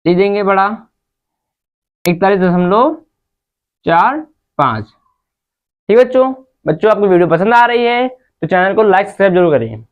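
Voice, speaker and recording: A woman's voice: medium pitch, animated, a little slow, pauses often, phone-quality sound. A woman teaching a maths lesson to children, patient and step by step, often calling out to the kids. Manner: patient, repeatedly addresses the children.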